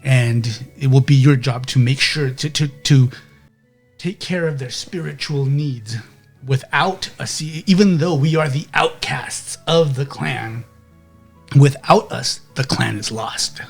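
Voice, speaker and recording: A man's voice: medium pitch, measured pace, vocal fry, husky, soft background music. A man voicing a dying old male seer, speaking as a solemn mentor in a funky old man voice.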